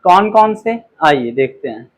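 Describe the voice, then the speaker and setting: A man teaching a grammar lesson, explaining slowly, reading example sentences very clearly and checking in with an "okay" after each point. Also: a little high, very animated, poor audio.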